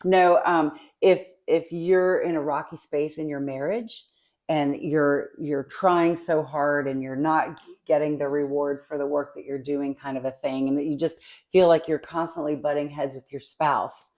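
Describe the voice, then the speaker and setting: Low-voiced lady on a faith podcast, soft and reflective, lots of ums and you knows. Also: fairly even intonation, measured pace. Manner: soft-spoken and reflective, with many fillers. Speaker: co-host.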